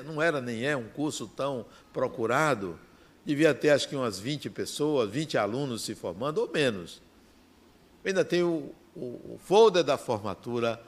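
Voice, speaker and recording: A man with a Brazilian Portuguese accent giving a reflective storytelling talk. He speaks in short, measured phrases with long pauses between them. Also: medium pitch.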